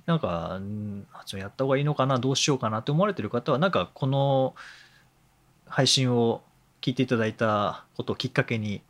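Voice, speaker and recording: A man co-hosting a casual podcast about English pronunciation, relaxed and agreeable, with many fillers. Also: medium pitch, brisk. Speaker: podcast co-host, English teacher.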